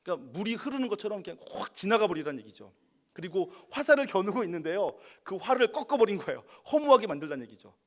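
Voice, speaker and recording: A man delivers a sermon from the pulpit in a somewhat high voice. He drops to quiet, conversational asides, then rises into loud, emphatic bursts. Scripture passages come out slow and deliberate. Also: big pitch swings. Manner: reads scripture slowly and deliberately. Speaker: pastor. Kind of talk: midweek sermon.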